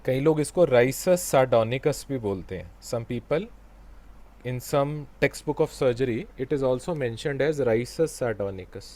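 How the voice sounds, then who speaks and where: A man's voice: medium pitch, animated, drawn-out words, a little mellow. A man teaching an online exam-prep class with an Indian English accent, mixing Hindi and English and quizzing his students. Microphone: video call.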